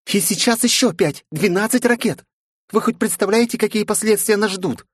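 A man voicing a sharp-tongued young woman sidekick who scolds her boss with sarcastic questions. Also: high-pitched, normal speed, breathy edge, no echo, studio quality, voice pushed up. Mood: alarmed. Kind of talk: audiobook character voice.

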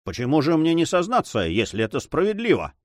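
Guy doing a fussy grumbly sailor, kinda high, lots of up and down, dry sound. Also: wildly swooping pitch, fairly quick, no room sound. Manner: exclaiming, complaining. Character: excitable male sailor, grumbling, easily discouraged.

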